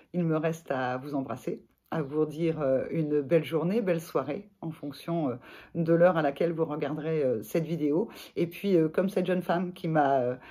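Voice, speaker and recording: Woman, husky, mellow, gentle hesitant coaching talk to camera. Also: deep voice. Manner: gentle, hesitant with many fillers. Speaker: sophrologist and life coach. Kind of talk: casual advice talk to camera.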